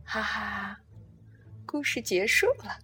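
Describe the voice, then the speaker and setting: A woman narrating a bedtime story for children in a soothing, expressive way. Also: mid-range voice, slow, soft background music.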